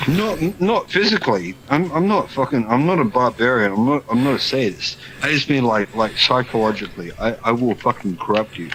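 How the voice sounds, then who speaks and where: A man's voice: mid-range voice, expressive, brisk, few pauses, fairly bright tone, a little hiss or hum, rough recording. A man in casual, profane chat in a VR game, ranting and teasing others. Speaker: VR social game player. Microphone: VR headset mic.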